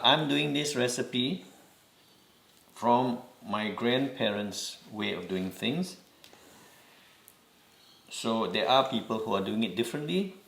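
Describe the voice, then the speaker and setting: A man's voice: fairly low pitch, creaky, a bit bright, reverberant. A man from Singapore with a Singaporean accent, giving patient step-by-step instructions in a home cooking demonstration. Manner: slow, patient instructions with repeated reminders.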